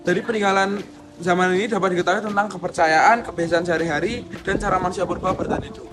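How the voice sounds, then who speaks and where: A man's voice: high voice, steady tone, fast talker, a bit bright. A man student carefully reading a history explanation, with small slips. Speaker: student presenter. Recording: music clearly under voice. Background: clear background music.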